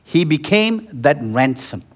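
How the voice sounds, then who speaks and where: A man's voice: very animated, measured pace, muffled recording. Man preaching with rising fervor. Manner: conversational, acts out little scenes, builds to fervent high-pitched peaks; frequent restarts and repeated words. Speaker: pastor. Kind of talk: sermon.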